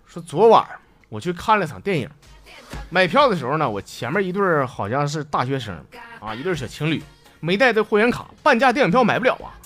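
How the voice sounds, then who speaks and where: A man's voice: on the high side, very animated, fast, a bit bright. A man with a Northeastern Mandarin accent hosting a comic storytelling show, chatty and laughing at his own jokes. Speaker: host. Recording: music bed behind the voice.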